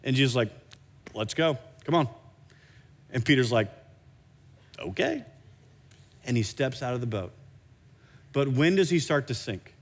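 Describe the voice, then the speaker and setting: A man delivers a sermon from the pulpit at a middling pitch. He preaches in an animated way, often restarting and repeating words mid-phrase. A long hall reverb trails behind every line. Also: fairly quick. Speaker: pastor.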